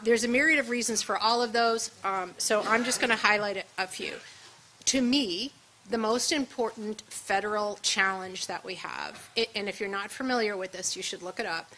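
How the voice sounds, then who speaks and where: Bright-voiced woman giving an emphatic talk. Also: mid-range voice, a little hiss or hum, rough recording. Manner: conversational, emphatic, punchy asides. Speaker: seminar speaker. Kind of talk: luncheon presentation. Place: event room at a seminar.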